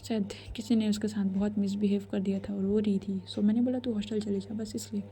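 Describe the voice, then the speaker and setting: A woman voicing a calm, caring young woman in a told love story. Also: medium pitch, brisk, a little hiss or hum, lightly acted.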